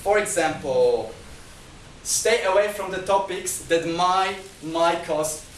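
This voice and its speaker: A guest speaker whose first language isn't Chinese gives a lecture-style talk at a discussion group, his voice sitting high and unhurried. He works through numbered points, often restarting and repeating words, recorded indoors with a distant mic in an echoey room and slight background noise.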